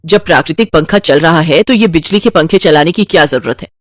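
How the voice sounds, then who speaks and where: A woman's voice: sits low, brisk, no echo, studio quality. A woman voicing a stingy, scheming old mother-in-law in a cartoon, with a scolding, penny-pinching manner.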